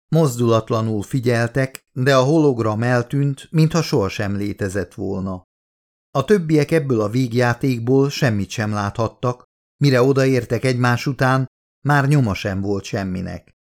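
A man narrates an audiobook with steady, measured storytelling. His pitch sits in a middle range for a male voice. The delivery is even and unhurried. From Hungary. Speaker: author reading his own audiobook.

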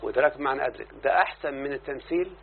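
This grammar lesson comes from a man whose medium-pitched, creaky voice races along in an Egyptian Arabic accent. He explains verses and checks in with his student, captured on a lo-fi, phone-like recording with faint hiss.

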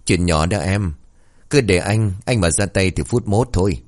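A man's voice: deep voice, normal speed, darkish tone. A man playing a brash, crude young ghost hunter who bosses and mocks. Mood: coaxing. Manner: bossy, mocking, crude.

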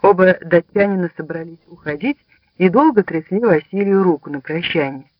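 A man narrating a story in lively scripted storytelling. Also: sits high, normal speed, slight background noise. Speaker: audiobook narrator. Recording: slightly dull lo-fi sound.

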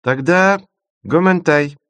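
A man's voice: mid-range voice, lively intonation, no echo, voice pushed up, close to an everyday voice. A man reading an audiobook voices a playful young girl who keeps inventing odd words from other languages. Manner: bright, teasing, rapid-fire offers.

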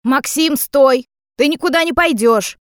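A drunk, furious mother, voiced by a woman reading an audiobook for an audiobook. She scolds in shrill, drawn-out shouts in a raised voice. The sound is dry and close. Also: expressive, no room sound.

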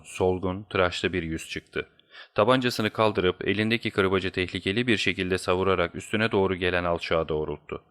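A man reading a detective story aloud as an audiobook narrator, telling it steadily. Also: low voice. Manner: steady storytelling, voicing each character.

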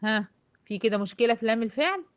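A woman's voice: fairly high pitch, lively intonation, rapid-fire, dry recording. Egyptian woman, tajweed teacher, patient step-by-step explainer, dull dry recording. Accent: Egyptian Arabic. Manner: explains step by step, asks and answers her own questions, drawls out example words. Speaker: Quran recitation teacher. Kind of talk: classroom tajweed lesson.

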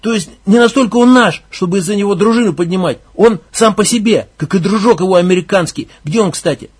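A man voicing a hot-tempered young village gang leader who barks, mocks and shouts. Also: high-pitched, fast, husky. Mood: scornful. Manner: angry, mocking, shouting, coarse.

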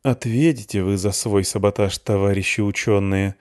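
A male narrator playing a young Soviet curator who speaks calmly yet ominously. His low, even voice carries quiet threat. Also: normal speed, dry recording, clean studio sound, lightly acted. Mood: calm menace. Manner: calm, ominous. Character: young male party curator, calm and menacing.

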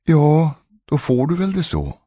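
Brief: male narrator voicing a frantic fairy-tale queen, higher and husky, imploring. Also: wildly swooping pitch, warm tone, dry recording, clean studio sound, heavily acted. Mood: hesitant. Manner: pleading, imploring. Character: desperate young woman, a pleading queen.

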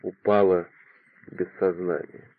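Low-voiced male audiobook reader. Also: level tone, slow pace, dry recording. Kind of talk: literary audiobook narration. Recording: dry, phone-like narrow sound.

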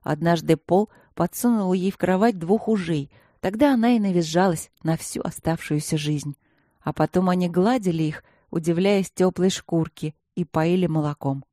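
A woman narrating an audiobook in a lively storytelling manner. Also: fairly low pitch, normal speed, no echo, studio quality. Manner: lively storytelling with character voices. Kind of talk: scripted narration.

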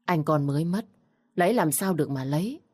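A woman's voice: low voice, animated, a little fast, a little mellow. A woman voicing a harsh, berating elderly mother-in-law in a storybook reading. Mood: snapping.

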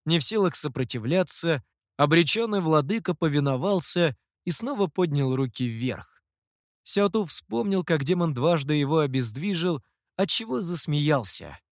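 A man narrating a story as an audiobook, with an expressive storytelling manner. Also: fairly high pitch, moderate pace, no echo, clean studio sound.

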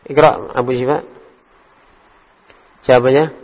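A man teaching an Arabic class in a relaxed way, correcting his students. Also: mid-range voice, a little slow. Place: study hall. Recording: dull echoey hall recording.

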